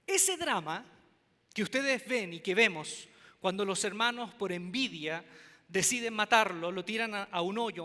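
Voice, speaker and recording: A Mexican-accented pastor preaches with a high, bright voice, animated and full of jokes. He tells stories to his congregation. The sound carries the long reverb of a large church hall. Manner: animated, joking storyteller. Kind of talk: sermon. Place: church auditorium.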